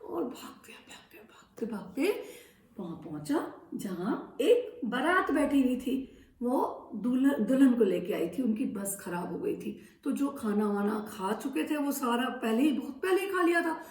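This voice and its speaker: A woman telling a children's story in a lively, expressive, playful way. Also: on the high side, unhurried. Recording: echoey room from a distance.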